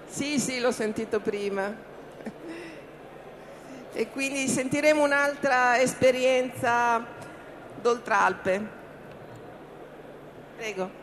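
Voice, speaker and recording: A woman's voice: a little high, slow, long pauses, fairly bright tone. A woman moderating a conference panel in semi-formal, spontaneous speech. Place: conference event. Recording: faint background noise.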